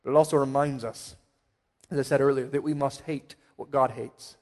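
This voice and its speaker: A male pastor preaching a sermon with emphatic swells and quiet asides. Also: mid-range voice, fairly even intonation, moderate pace. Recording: long hall reverb.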